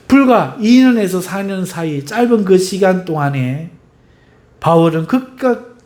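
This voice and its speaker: A male pastor preaching a sermon, emphatic, swinging in pitch and loudness, and putting rhetorical questions to the congregation.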